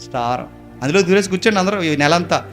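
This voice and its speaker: A man with an East Godavari accent preaches in a somewhat high voice, dropping to quiet asides and then rising into loud, pressing questions for his listeners. Faint music plays underneath the sermon. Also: expressive, fast talker. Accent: East Godavari Telugu. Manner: dramatic swings from hushed to loud exhortation, asks the crowd questions. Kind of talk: Christmas sermon to youth.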